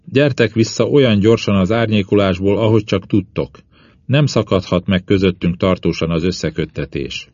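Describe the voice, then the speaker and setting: A cautious, worried male expedition leader, read by a man narrating a storybook. He speaks hesitantly in a very low, deep voice. The recording is dry and a little dull. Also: a little mellow, no echo, lightly acted. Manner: hesitant, careful.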